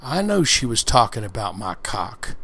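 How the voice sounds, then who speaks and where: His lowish voice has a sing-song lilt, a fairly bright tone and a breathy edge as he reads an erotic book at normal speed. It's a laid-back ASMR-style session, punctuated by crude, slangy, folksy remarks between passages.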